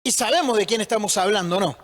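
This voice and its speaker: A pastor preaches in a loose, conversational way, teasing his congregation and asking himself questions. His voice sits unusually high for a man. It rings with the long reverb of a church hall. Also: fast, fairly bright tone. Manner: conversational, joking, asks rhetorical questions. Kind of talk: sermon.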